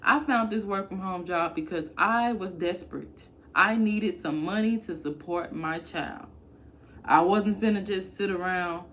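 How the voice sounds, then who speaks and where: A woman's voice: on the low side, a little slow, fairly bright tone, a little hiss or hum. A woman giving casual, blunt work-from-home advice to camera, talking emphatically and colloquially.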